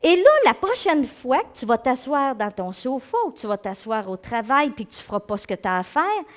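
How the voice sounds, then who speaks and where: High-voiced quebec woman giving a lecture, swoops all over the place, plays out little excuses. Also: a little fast. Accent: Québécois French. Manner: animated, acts out inner voices, laughs with the audience. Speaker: psychologist and speaker giving a talk. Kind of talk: lively lecture to an audience.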